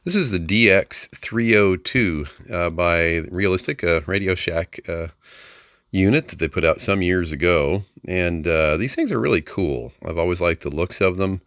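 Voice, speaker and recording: A deep, smooth male voice, a bit bright, at normal speed, recorded clean in the studio with no echo. He's a middle-aged ham radio hobbyist giving an offhand, unscripted receiver demo in a folksy, hesitant, plain-spoken manner.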